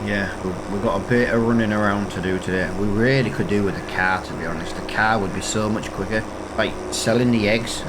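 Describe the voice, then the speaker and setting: This let's-play host sounds stuffy and sniffly, his lowish voice fairly even as he talks fairly quickly with hardly any pauses, casually musing with lots of fillers over a farming game. The recording is very noisy.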